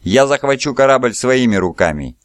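A man voicing a defiant, calculating young man held as a slave, calm and mocking. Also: medium pitch, normal speed, no echo, clean studio sound, voice pushed up, close to an everyday voice.

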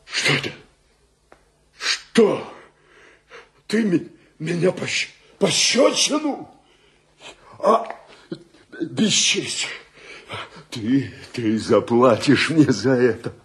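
A coarse, blustering bully who hurls insults and bullies everyone around him. He speaks in a mid-pitched voice, slowly and heavily. It is radio play acting. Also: expressive. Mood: furious. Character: crude blustering bully of a middle-aged man.

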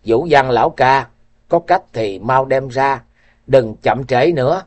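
A man's voice: mid-range voice, measured pace, a little mellow, natural voice. Guy doing a shaky old beggar boss, pushy and urgent. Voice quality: trembling voice.

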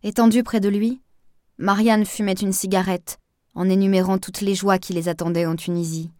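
A woman narrating a novel as an audiobook, in a measured, even storytelling manner. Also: mid-range voice, dry recording, studio quality.

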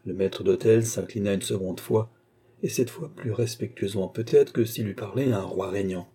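Man narrating an old novel, dark husky voice, steady even reading. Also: fairly low pitch, normal speed. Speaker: audiobook reader. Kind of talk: scripted narration.

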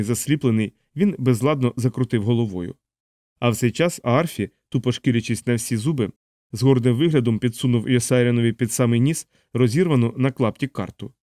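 A man reading an audiobook with expressive, measured storytelling. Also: mid-range voice, no room sound, clean studio sound. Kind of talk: audiobook narration.

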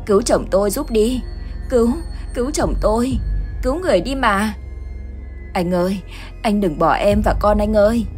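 A woman's voice: medium pitch, moderate pace, darkish tone, soft background music, pitched above the performer's own voice, lightly acted. A woman voicing a desperate middle-aged village wife who screams and pleads for help while crying. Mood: sobbing.

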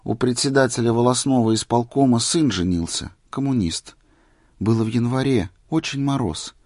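A man's voice: mid-range voice, normal speed, dry recording, studio quality, lightly acted. A man reading as a meek wandering holy man. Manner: quiet, plain, humble. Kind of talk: story reading.

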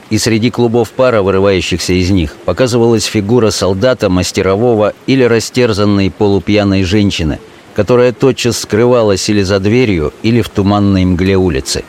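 A man reading classic prose as an audiobook in a steady, measured way. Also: fairly low pitch, a little hiss or hum.

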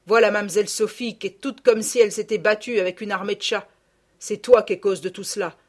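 A woman's voice: medium pitch, fairly even intonation, brisk, darkish tone, close to an everyday voice. A woman voicing a middle-aged peasant gardener woman who scolds and gossips in blunt rustic speech, read as an audiobook character. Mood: scolding.

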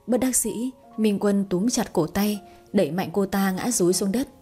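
A woman calmly narrating a romance story, reading it aloud. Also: mid-range voice, moderate pace, breathy edge, soft background music.

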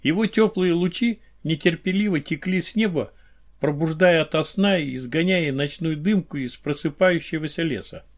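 A man reading scripted audiobook narration in a calm, descriptive way. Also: a little high, normal speed.

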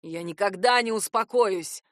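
A woman voicing a desperate, obsessive young man who hisses and growls his lines, hoarse and threatening. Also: medium pitch, animated, moderate pace, no room sound, studio quality, lightly acted. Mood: obsessive, menacing. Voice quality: hoarse, hissing. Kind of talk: audiobook character voice.

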